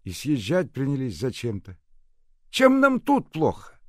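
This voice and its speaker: Fussy old nanny woman, played by a man, grumbling, raised high voice, storybook. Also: wildly swooping pitch, unhurried, no room sound, clean studio sound. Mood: doubtful. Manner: grumbling, mocking.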